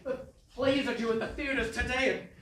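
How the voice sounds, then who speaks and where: An actor plays a fretful, panicking playwright in a live stage comedy, with a bright, forceful voice. He is heard from a distance in a very echoey theatre, with faint clicks behind him. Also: mid-range voice, steady tone, normal speed, slight background noise, natural voice. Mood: anxious. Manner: anxious, fretful. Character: anxious, panicking William Shakespeare.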